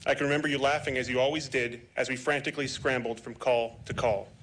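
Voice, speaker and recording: A man's voice: mid-range voice, fairly even intonation, fast talker, fairly bright tone. A man, a sheriff's sergeant, giving a heartfelt memorial eulogy with moments of humor. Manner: heartfelt, joking at times.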